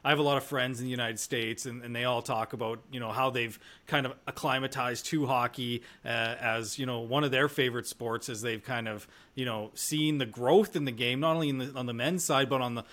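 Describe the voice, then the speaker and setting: A man's voice: mid-range voice, a bit bright. A man from Northern Canada, around his thirties, hosts a podcast. He talks casually and rambles, leaning on fillers as he builds to his questions. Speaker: podcast host.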